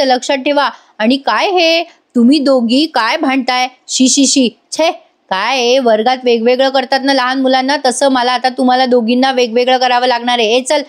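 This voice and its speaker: A woman's voice: high voice, close to an everyday voice. A woman voicing a domineering woman of the house who scolds and mocks the others. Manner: scolding, sarcastic.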